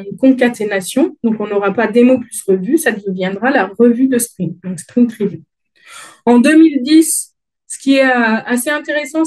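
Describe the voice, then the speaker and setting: A woman with a Dauphinois accent presents a conference talk from her slides. Her voice sits a little high. She is friendly and often hesitates, filling pauses and restarting her sentences. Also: a little mellow, low-quality recording. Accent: Dauphinois French. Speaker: conference speaker.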